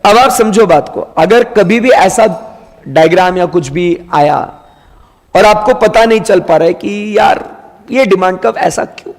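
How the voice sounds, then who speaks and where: Slow, gravelly male teacher in a hall. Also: high-pitched. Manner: asks questions and answers them himself, mixes Hindi and English. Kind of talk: classroom economics lecture.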